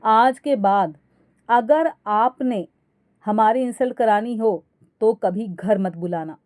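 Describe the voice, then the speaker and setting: A woman's voice: on the high side, slow, darkish tone, no room sound, clean studio sound. A woman voicing a fussy middle-aged aunt visiting as a guest, who complains in a spoken story. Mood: offended.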